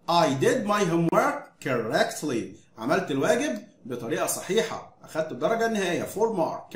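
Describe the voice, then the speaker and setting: Lively Egyptian teacher drilling vocabulary slowly. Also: male voice, on the high side. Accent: Egyptian Arabic. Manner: repeats words slowly, coaxing pupils to echo. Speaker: English teacher. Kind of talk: vocabulary drill lesson for children.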